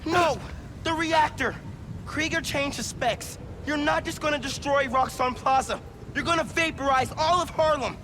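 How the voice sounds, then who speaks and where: Desperate high-pitched teenage boy superhero. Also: normal speed, rough recording. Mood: desperate, urgent. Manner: urgent, strained pleading. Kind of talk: dramatic video game voice acting. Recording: loud action noise and rumble behind.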